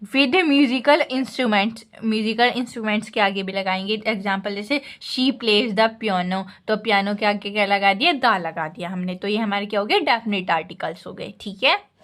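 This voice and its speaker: An Indian woman teacher giving an exam-focused grammar lesson. She reads English lines slowly, then explains each one, often tagging "ठीक है". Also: mid-range voice, a bit bright.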